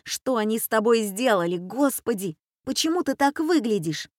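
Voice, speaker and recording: A woman's voice: a little high, animated, normal speed, a little mellow, no room sound, clean studio sound, voice pushed up, lightly acted. A woman voicing an anxious, caring boy worried about his little sister. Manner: anxious, upset.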